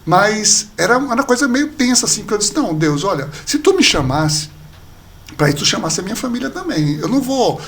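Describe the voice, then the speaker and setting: A man, a pastor and podcast guest, telling a personal story in casual conversation, lively and acting out the people he quotes. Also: sits high, brisk. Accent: Brazilian Portuguese. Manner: animated storyteller, acts out quoted dialogue.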